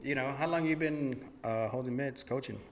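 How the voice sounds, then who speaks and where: A man's voice: mid-range voice, normal speed. A man hosting a podcast, introducing a guest emcee-style, then chatting casually and repeating words back. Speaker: podcast host. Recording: reverberant room sound.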